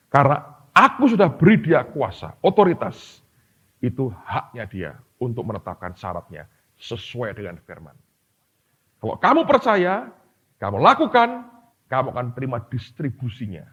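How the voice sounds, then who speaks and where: A man's voice: mid-range voice, breathy edge. A man, preaching a sermon as a pastor and telling stories with acted-out voices. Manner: animated storytelling, acting out voices in quotes. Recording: dull lo-fi sermon recording.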